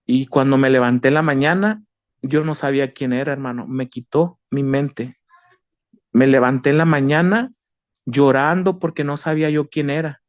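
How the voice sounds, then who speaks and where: Calling his listener brother, a man earnestly recounts his faith in an emotional, repetitive testimony. He speaks at a normal speed in a mid-range voice; the audio is dull, with no room sound.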